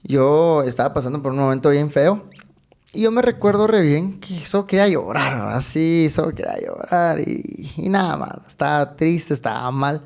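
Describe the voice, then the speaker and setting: A man's voice: fairly high pitch, very animated, moderate pace, vocal fry, darkish tone. A man co-hosting a casual faith podcast, telling a personal story with frequent laughter and local slang. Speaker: podcast co-host.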